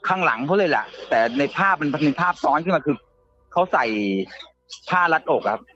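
Halting man telling a ghost story. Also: on the high side, lively intonation, bright, forceful tone, highs cut off, faint music behind. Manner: halting, repeats words and restarts often. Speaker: guest storyteller. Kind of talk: casual ghost story telling on a live show.

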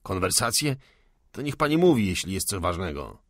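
A man's voice: deep voice, very animated, moderate pace, fairly bright tone, dry recording, clean studio sound, exaggerated voice. A man voicing a starving, hot-tempered male insurgent who barks short demands, in an audiobook. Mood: gruff impatient. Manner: curt, barking demands.

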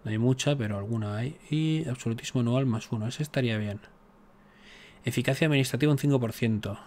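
A fast-talking man with a darkish, middle-pitched voice narrates a strategy game for his YouTube gaming channel. The let's-play is casual and chatty, full of jokes and exasperated asides at the game.

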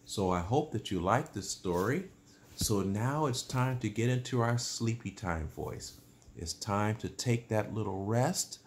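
A man reading a bedtime story aloud and gently explaining it to children. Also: fairly low pitch, animated, measured pace, echoey room, a little hiss or hum. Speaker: storyteller, channel host.

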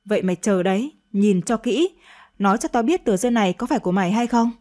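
A woman's voice: mid-range voice, quick pace, a little mellow, close to an everyday voice. A woman reading a radio story, voicing a stern, angry elderly father who scolds his daughter harshly. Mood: scolding.

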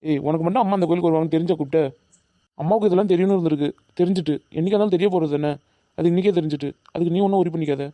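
A man's voice: fairly high pitch, racing, no room sound, dull audio, lightly acted. A man voicing a worried, earnest young college student in a cartoon, reassuring and pleading with his friends. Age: young adult. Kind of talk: animated cartoon dubbing.

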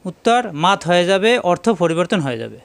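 A man's voice: sits high, big pitch swings, quick pace, creaky, smooth, no echo. A man teaching Quran reading step by step, patiently repeating each example syllable by syllable. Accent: Bangladeshi Bengali. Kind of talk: step-by-step recitation lesson.

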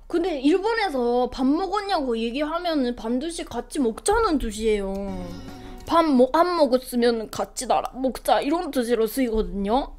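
A woman's voice: high voice, a little mellow. A young woman with a Japanese accent and a stuffy nose, chatting playfully with her live-stream viewers and answering their comments.

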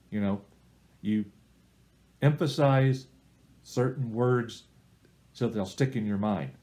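Middle-aged male Bible study leader, mid-pitched, plain and unhurried, walks a small group through practical steps. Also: a little mellow. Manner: plain, unhurried teaching with step-by-step tips. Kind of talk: recorded church small-group lesson.

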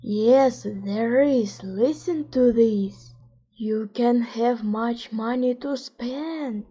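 A woman voicing a pair of sly, scheming animal swindlers in a slow, rhymed storybook reading. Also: a little high, warm tone, husky, lo-fi sound, voice pushed down, exaggerated voice. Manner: wheedling, conspiratorial.

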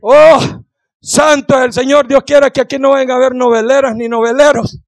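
A male pastor preaching a fervent sermon in a church, shouting refrains and dropping to hushed pleas, questioning the congregation. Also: extremely high pitch, flat delivery, normal speed, dry recording. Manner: repeats "santo es el Señor" and questions the congregation.

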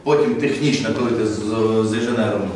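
A man's voice: mid-range voice, fast talker, darkish tone. A man leading a master class on audiobook narration, explaining technique and demonstrating how to read, in an improvised studio. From Ukraine. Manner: explaining, demonstrating readings, light laughs. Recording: very echoey room, distant mic, faint noise.

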